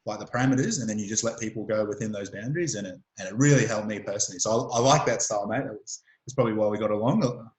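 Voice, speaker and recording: A man hosting a casual interview, stumbling over repeated words and filling pauses with ums. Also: fairly low pitch, a little mellow. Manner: stammering repeats and many ums. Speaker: host. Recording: echoey room sound.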